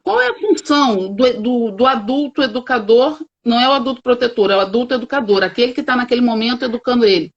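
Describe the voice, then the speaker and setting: A woman's voice: a little high, lively intonation, quick pace, hardly any pauses, lo-fi sound. A woman with a Brazilian accent, a children's coach who explains her points emphatically and stretches out key words, heard over a video call. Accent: Brazilian Portuguese. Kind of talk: explanatory interview answers.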